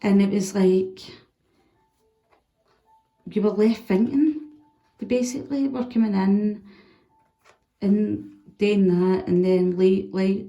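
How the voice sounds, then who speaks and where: Woman, tarot reader, casual and animated, gravelly, echoey room. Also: medium pitch, slow, pauses often, muffled recording. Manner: chatty, animated, swears casually.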